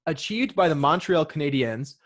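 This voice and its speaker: A man's voice: a little high, expressive, moderate pace. A man hosting a sports podcast, reading out trivia questions and options in casual chat with joking asides. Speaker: podcast host running a trivia quiz.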